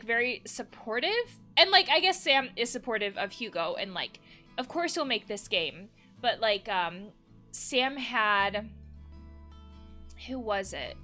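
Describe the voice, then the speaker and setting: Hosting a casual let's play, a woman reads game text aloud and throws in chatty reactions along the way. She's also a therapist, and her voice is on the high side, pushed and bright.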